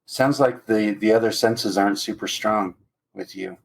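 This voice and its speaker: A man hosts a podcast and asks casual interview questions in a low-pitched voice. He often laughs between his questions. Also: moderate pace, creaky. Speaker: podcast host.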